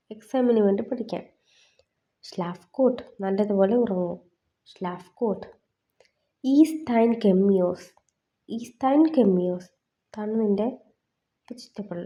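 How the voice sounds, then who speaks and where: A woman teaching a lesson, saying each phrase twice slowly and then explaining its meaning. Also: medium pitch, warm tone, highs cut off. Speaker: language teacher. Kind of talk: explaining in Malayalam.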